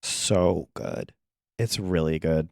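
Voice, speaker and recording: A man's voice: very deep voice, steady tone, slow, vocal fry, dry recording, clean studio sound. A man co-hosting a casual pop culture podcast in a sassy, campy, gushing manner peppered with queer slang. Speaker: podcast co-host.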